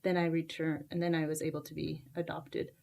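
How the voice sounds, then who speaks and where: A woman's voice: low voice, level tone, brisk, gravelly, a little mellow. A woman from Costa Rica who grew up in Utah, a book author talking as a guest in a casual interview, with many fillers and restarts. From Costa Rica, raised in Utah.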